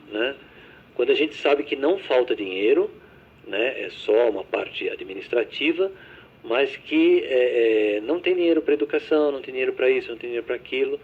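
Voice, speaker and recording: A man's voice: medium pitch, breathy edge. A man hosting a radio interview, chatting casually and often tagging his sentences with a questioning "né?". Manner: conversational, often ends with "né?". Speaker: radio host. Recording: tinny phone-like radio sound.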